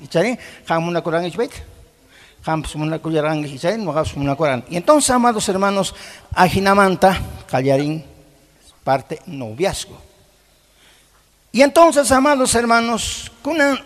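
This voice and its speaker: Middle-aged pastor, high gravelly voice, punchy sermon delivery, keeps quizzing the flock, church hall echo trails off. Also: male voice. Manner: emphatic, keeps asking the congregation questions; mixes in Quechua words. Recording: long hall reverb.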